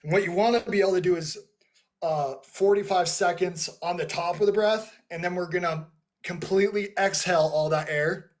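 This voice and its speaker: A man's voice: high voice, steady tone, normal speed. A man talking loosely to his chat on a livestream through a headset mic, rambling with lots of "like" and restarts while leading breathwork. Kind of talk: casual livestream talk to a chat.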